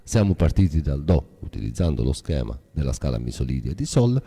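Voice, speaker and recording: A man's voice: rumbling low, sing-song, a little fast, gravelly, warm tone, breathy edge, in a large hall. A man teaching music theory as a guitar teacher, explaining step by step in a patient, methodical way.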